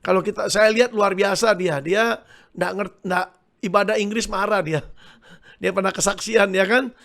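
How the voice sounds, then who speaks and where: Gravelly high-pitched male pastor preaching. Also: normal speed. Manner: animated preaching, calls to the congregation. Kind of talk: sermon.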